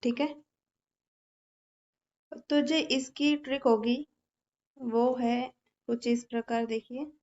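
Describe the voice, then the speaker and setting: A woman's voice: high-pitched, level tone, slow, long pauses, a little mellow, dull audio. A woman teaching an exam-prep lesson, explaining patiently with memory tricks and often checking in with her students.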